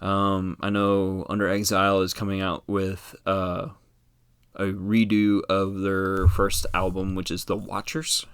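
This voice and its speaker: A man's voice: low voice, monotone, a little slow, fairly bright tone, smooth, dry recording. A man from the United States hosting a podcast alone, chatting casually and rambling, with many fillers and restarts. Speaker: podcast host. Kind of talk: casual solo podcast chat.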